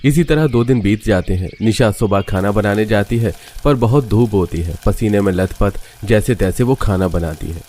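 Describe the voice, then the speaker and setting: A man narrating a cartoon story in a steady, scripted storytelling voice. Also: lowish voice, moderate pace, few pauses, slight background noise.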